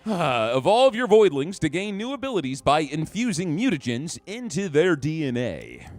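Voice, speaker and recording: Hyped up gamer dude streaming, bouncy lively voice, kinda high. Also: male voice, no room sound. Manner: excitable, jokey trash talk. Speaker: game streamer. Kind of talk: live gameplay commentary.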